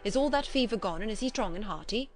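A woman's voice: medium pitch, lively intonation, fast talker, faint music behind, close to an everyday voice. A woman voicing a kindly old foreign male doctor in an audiobook drama, emphatic and courtly, speaking formal broken English. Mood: earnest, emphatic.

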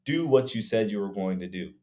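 A young man who works as a fitness coach speaks in a lowish, dark, expressive voice at a slightly quick pace. He's co-hosting a casual podcast over a video call from a room at home, rambling reflectively and using lots of fillers.

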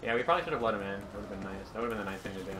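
A fast-talking man with a fairly low voice, chatting casually while playing a co-op game and rambling loosely with constant fillers. Heavy gunfire and game noise sit loudly behind him. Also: expressive. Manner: rambling, lots of "like". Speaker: gaming channel host. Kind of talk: casual co-op gameplay chat.

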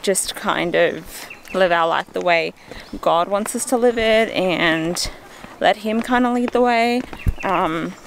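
A woman in her 20s, a travel vlogger, chats casually to a handheld camera held at arm's length, speaking slowly at a medium pitch with vocal fry. She's outdoors on a forest hiking trail and a summit, later in a car, with slight background noise.

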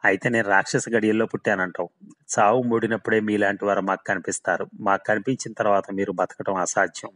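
A man's voice: fairly low pitch, flat delivery, fast talker, a bit bright, close to an everyday voice. A man voicing the ghost of a hard-drinking male laborer who keeps swearing his tale is true, in a storybook reading. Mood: eerie.

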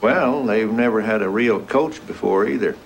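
A middle-aged actor playing a genial, self-deprecating school principal who chats easily. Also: male voice, fairly low pitch, moderate pace, gravelly, a little hiss or hum, rough recording. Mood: amiable.

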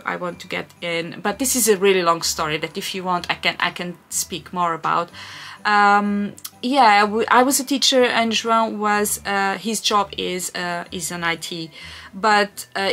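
A Portuguese vlogger in her thirties speaks English with a Portuguese accent in a medium-pitched, sharp-toned voice. She's chatting through a casual Q&A, with plenty of fillers and restarts.

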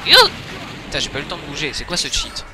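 A man's voice: a little high, quick pace, a loud crowd. A young man giving casual let's-play commentary, joking and trash-talking the game with crude humor. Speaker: gaming YouTuber.

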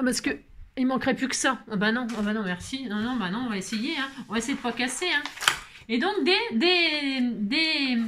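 A woman chatting casually while opening her mail, exclaiming at each item and now and then dropping into high baby talk to her pet. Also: fairly bright tone, a little hiss or hum. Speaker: craft vlogger opening mail. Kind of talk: casual chat unboxing mail. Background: paper crinkling and clicks.

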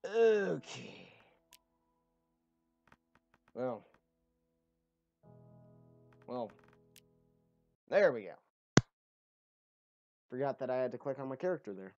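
A man talks through a game session in a loose, rambling commentary style. He chats easily and fills his pauses with ums. Faint game music plays quietly behind him. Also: medium pitch, very animated, creaky, dull audio. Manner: rambling, chatty with frequent ums. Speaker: let's play host. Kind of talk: casual gameplay commentary.

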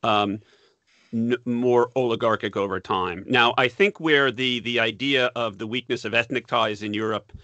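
A man, a professor being interviewed, explaining history in a measured way and repeating words as he thinks. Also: medium pitch, steady tone, bright, forceful tone, no room sound, highs cut off. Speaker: guest, political science professor. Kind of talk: academic interview.

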